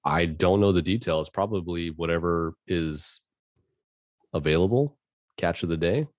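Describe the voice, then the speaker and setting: Deep-voiced joking podcast man. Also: a little slow, no room sound, studio quality. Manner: joking, swears freely. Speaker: podcast co-host. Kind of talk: casual chat.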